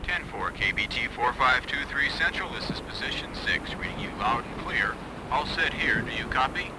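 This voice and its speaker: A man's voice: mid-range voice, lively intonation, normal speed, heavy background noise. A man heard over a two-way radio, answering in clipped radio procedure talk. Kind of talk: radio operator exchange.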